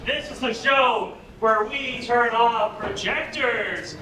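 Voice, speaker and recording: High, energetic young male improv emcee. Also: slow. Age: young adult. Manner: energetic, joking, hyping the crowd. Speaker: improv show host. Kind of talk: live stage emcee warm-up. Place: live comedy show venue with audience. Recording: echoey room, far mic, loud crowd noise.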